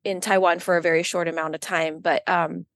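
A woman's voice: on the low side, level tone, a little fast, creaky, no echo. A woman from the United States, a guest on a podcast, talking casually with many fillers and earnest rambling. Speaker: guest, witchcraft practitioner. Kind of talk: casual interview chat.

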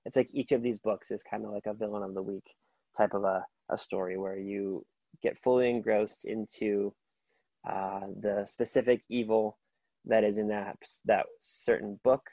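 A man with a lowish, dark voice hosts a book podcast on his own, recommending titles at a moderate pace and a steady tone. He's enthusiastic and rambling, with lots of fillers and restarts, and there's no echo.

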